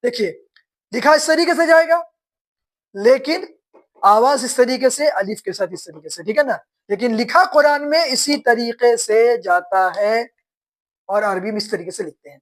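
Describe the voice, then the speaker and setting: A woman teaching beginners to read, spelling words slowly syllable by syllable and quizzing her students. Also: on the high side. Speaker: Quran reading teacher.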